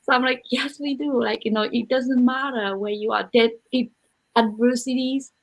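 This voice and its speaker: On a low-quality recording, a woman from Japan conducts a conversational podcast interview in English, her second language. She is earnest and emphatic, restating points for emphasis, with a slightly high voice, a steady tone and normal speed.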